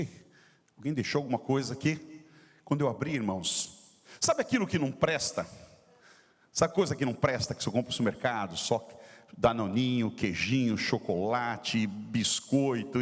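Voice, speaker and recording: A male pastor preaching a sermon, telling a personal story with emotional swings from loud exclamations to low asides. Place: church sanctuary. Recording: church hall with long reverb.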